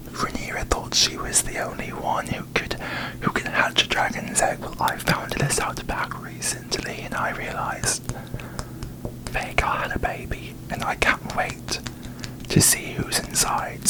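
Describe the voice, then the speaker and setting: Man whispering as prim queen Alicent Hightower. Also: measured pace, close to an everyday voice, low-quality recording. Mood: hushed, excited. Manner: formal, pompous, archaic wording. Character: prim, needy, aggrieved medieval queen, a woman. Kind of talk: whispered ASMR parody.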